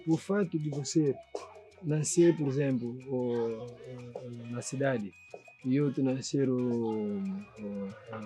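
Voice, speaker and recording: A male sculptor from São Tomé speaks with a São Tomé Portuguese accent in a documentary interview. His voice is mellow and warm, his delivery reflective and earnest, and he keeps checking that the listener is following. Soft music plays faintly beneath him. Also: a little high. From São Tomé and Príncipe. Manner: reflective, earnest, often asks "you understand?". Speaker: sculptor and painter.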